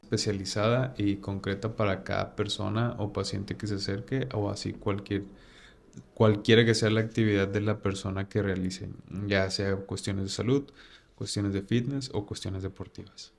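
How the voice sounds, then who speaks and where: A man guest speaks in a measured, explanatory way. His voice is low and gravelly with vocal fry. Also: steady tone. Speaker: guest, health professional. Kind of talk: explaining in an interview.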